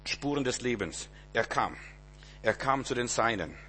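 A man preaching a sermon, emphatic and repetitive, asking rhetorical questions and swinging between loud proclamation and low, quiet passages. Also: expressive, unhurried, slight background noise.

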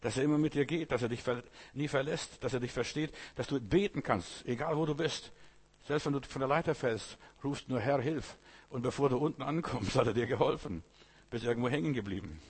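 A man's voice: mid-range voice, a little fast, slightly rough. A man preaching a sermon, speaking directly to the listener and telling stories from scripture. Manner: addresses listener directly, storytelling, voices quoted figures.

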